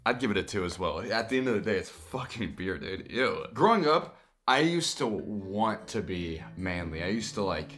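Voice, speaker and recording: A man's voice: fairly low pitch, very animated, moderate pace, a bit bright, faint music behind. A tipsy man in his twenties, getting drunker, bantering casually and boisterously with lots of swearing. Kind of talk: casual banter, taste-test vlog. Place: small room, indoors. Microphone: camera a few feet away.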